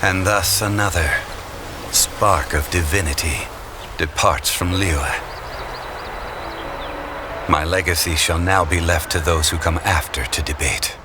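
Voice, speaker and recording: An actor playing an ancient god in human guise in a video game, calm and dignified, speaking in a measured, formal, reflective way. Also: male voice, low-pitched, noisy background. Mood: grave, ceremonial. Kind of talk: scripted video game dialogue.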